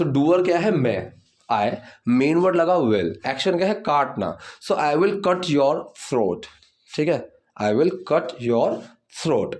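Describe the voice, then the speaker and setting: A man teaching English grammar, explaining step by step and repeating example sentences slowly. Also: a little high, darkish tone. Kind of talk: bilingual grammar lesson.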